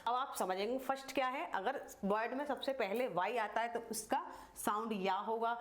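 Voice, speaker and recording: A woman with an Indian accent teaching English pronunciation rules in Hindi, spelling words out letter by letter and repeating each rule slowly with questions to the class. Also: a little high. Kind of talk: slow classroom explanation while writing on a board.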